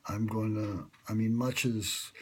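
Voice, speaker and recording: Pitching his radio show, a vlogger whose first language is English talks in a rambling, wry, self-deprecating late-night monologue packed with fillers, captured close on a phone. His voice is lowish, darkish and slightly rough, with little pitch movement and a somewhat slow pace.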